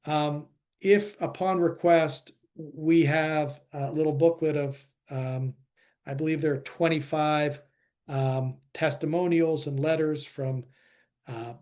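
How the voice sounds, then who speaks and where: Male webinar presenter, halting and filler-heavy, a bit high-pitched. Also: fairly even intonation, a little mellow. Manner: halting, many fillers and restarts.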